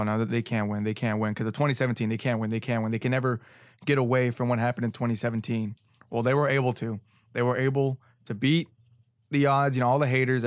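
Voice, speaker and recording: A young man co-hosting a casual sports talk show, rambling excitedly like an emotional fan. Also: mid-range voice, clean tone, no echo, studio quality.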